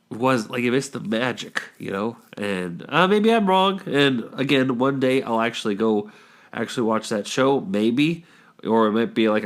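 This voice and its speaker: Rambling stuffed-up man podcasting. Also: fairly low pitch. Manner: rambling, jokey, lots of fillers. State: congested from a cold. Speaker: podcast host. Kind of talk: casual chat.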